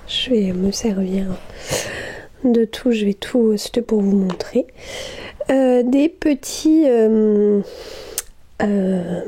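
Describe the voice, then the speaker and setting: At home, a woman vlogs about her knitting in casual chat, hesitating a lot, restarting, filling pauses, and gushing along the way. Her voice sits on the high side with a warm tone.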